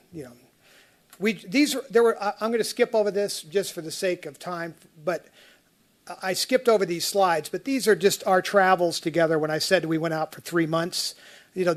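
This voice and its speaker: A man testifying as the appellant at a tax appeal hearing, walking through slides in a rambling, conversational way and often restarting his sentences. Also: on the high side.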